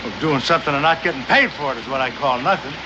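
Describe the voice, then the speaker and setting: A man's voice: mid-range voice, fast, close to an everyday voice. An actor playing a scheming, self-interested frontier father in a 1960s TV western, wordy, mock-formal and argumentative. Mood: aggrieved. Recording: muffled, noisy old TV soundtrack.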